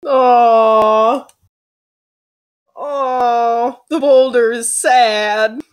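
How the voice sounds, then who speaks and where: A woman playing a simple, stubborn, soft-hearted giant who talks about themself in the third person. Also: fairly high pitch, steady tone. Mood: sad. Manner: slow, speaks of self in third person.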